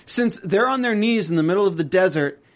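Animated man recapping a show. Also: high voice, fairly quick. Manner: rambling, animated storyteller who jokes and acts out characters. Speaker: podcast co-host. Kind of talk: casual recap chat.

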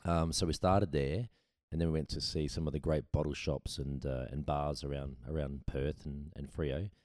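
A man with an Australian accent and a very deep, mellow voice. He chats as an enthusiastic podcast guest, telling casual stories in a dry-sounding space. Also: steady tone, normal speed, dry recording. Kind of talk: casual chat, anecdotes. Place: at a kitchen table indoors.

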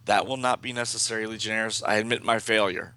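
A man voicing a resigned female robot from a comic book in a gravelly, formal, declamatory way. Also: lowish voice, steady tone, quick pace, sharp tone. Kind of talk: comic-book dialogue read aloud.

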